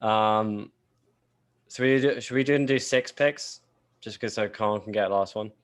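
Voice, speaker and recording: A man from England with a low voice chats loosely as a podcast co-host. He rambles through plenty of fillers and swears freely. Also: unhurried. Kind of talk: casual chat.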